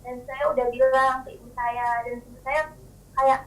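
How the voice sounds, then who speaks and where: A woman's voice: high voice, level tone, moderate pace, fairly bright tone. A young woman calling in with a question, hesitant and full of fillers, her voice choppy, breaking up and sounding far from the mic. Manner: hesitant, with many fillers and restarts. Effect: choppy, breaking-up call audio; distant, off-mic sound. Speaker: caller asking a question. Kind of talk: casual call-in question.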